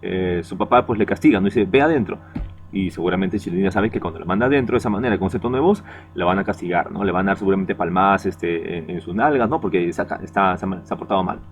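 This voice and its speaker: A man's voice: low voice, fast talker, few pauses. A male secondary school teacher giving a recorded class lecture, explaining patiently and checking in with "¿no?" and "¿ya?". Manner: explains patiently, tags lines with "¿no?" and "¿ya?".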